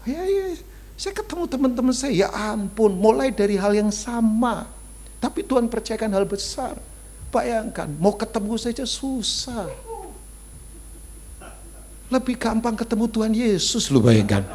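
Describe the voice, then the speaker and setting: A man preaching a sermon as a pastor, animated and acting out quoted voices as he tells a story. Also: very high-pitched, measured pace. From Indonesia.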